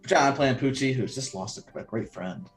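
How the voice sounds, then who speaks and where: A man's voice: medium pitch, normal speed, faint music behind. A man hosting and narrating a tabletop role-playing game as game master. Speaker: game master and podcast host.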